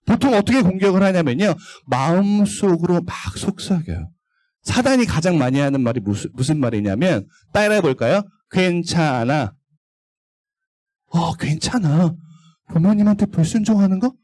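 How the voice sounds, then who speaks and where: A man's voice: high-pitched, big pitch swings, fairly quick, a little mellow, no room sound. A man giving a children's sermon at a church service, asking the young listeners questions and leading them to read along. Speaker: children's pastor.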